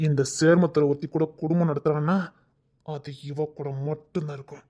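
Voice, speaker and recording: A woman's voice: deep voice, level tone, fairly quick, dark tone. A woman voicing a tough, possessive young groom who talks bluntly and presses with questions. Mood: forceful. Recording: dull lo-fi recording.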